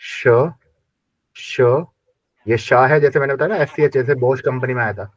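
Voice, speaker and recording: A man teaching a language class, drilling pronunciation slowly and repeating each word many times. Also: mid-range voice, no echo, low-quality recording. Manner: slow repetitive drilling of pronunciation. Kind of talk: classroom lesson.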